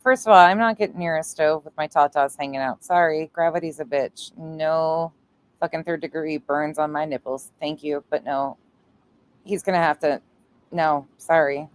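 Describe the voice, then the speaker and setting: A woman's voice: low-pitched, steady tone, normal speed. Blunt, sarcastic woman streamer. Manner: blunt, sarcastic, swears freely. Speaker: commentary streamer. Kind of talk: reacting to clips with profane commentary.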